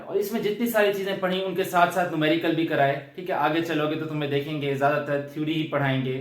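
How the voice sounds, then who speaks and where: A man's voice: fairly high pitch, recorded from a distance. A young man with a Pakistani Urdu accent giving a chemistry lecture, explaining step by step and often checking in with his students. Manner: explains step by step, often adds "theek hai". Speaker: chemistry teacher. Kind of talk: classroom lecture. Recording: echoey room, voice from afar.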